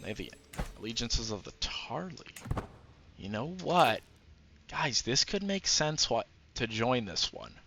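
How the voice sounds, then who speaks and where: A man talks through a strategy game in an unhurried, drawn-out way, thinking out loud and filling pauses with ums and uhs. His voice is bright and forward, with a faint hiss of noise behind it. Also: mid-range voice, big pitch swings. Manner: musing aloud while playing, frequent fillers. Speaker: gameplay commentator. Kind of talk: casual gameplay commentary.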